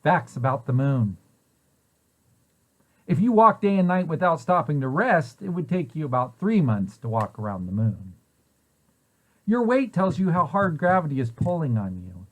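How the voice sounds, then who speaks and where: The preschool site director's reading of a children's picture book comes through poor audio, his high-leaning voice sing-song at a normal speed. He poses questions and supplies answers as he tells the story to young listeners.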